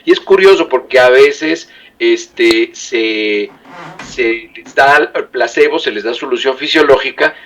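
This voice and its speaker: A man, a guest commentator on a talk show, explaining in a measured way with frequent fillers. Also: medium pitch, a bit bright.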